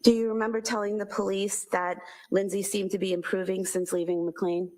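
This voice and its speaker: A woman's voice: mid-range voice, flat delivery, fairly quick, a little mellow. A woman prosecutor cross-examining a witness in a courtroom, pressing pointedly for confirmation.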